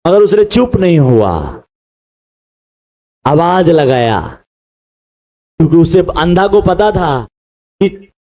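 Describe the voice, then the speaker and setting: Male preacher with a very high voice, fervent and animated, addressing his congregation in a sermon. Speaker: pastor.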